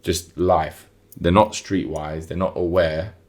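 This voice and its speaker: A young man from London talks in a deep voice with a strong local accent. He chats casually and informally, leaning on slang and putting emphasis on his points. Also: steady tone, takes it slowly. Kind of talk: casual chat.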